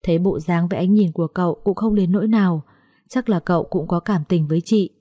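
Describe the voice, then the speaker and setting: A woman narrating a story in a steady, expressive reading. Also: on the low side, fast, dry recording, clean studio sound.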